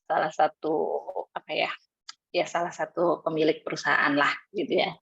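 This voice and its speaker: Perempuan bercerita santai dengan suara agak redup. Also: female voice, level tone, normal speed, creaky, fairly bright tone, breathy edge, dry recording. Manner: chatty, acts out quoted dialogue with rising pitch. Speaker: interview guest. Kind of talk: casual storytelling. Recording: dull dry lo-fi sound.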